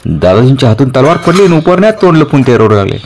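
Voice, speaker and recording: A man's voice: mid-range voice, very animated, fast, a little hiss or hum. A man narrating a historical story dramatically, lifting his voice at tense moments. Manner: dramatic, rising with tension, reverent at the close.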